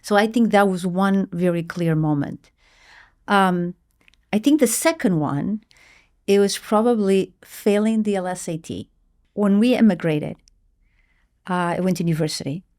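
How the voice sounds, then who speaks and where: A woman's voice: mid-range voice, normal speed, long pauses, a little mellow. A middle-aged woman from Portugal, telling her life story earnestly in an interview, with hesitant restarts. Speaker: guest, marketing executive.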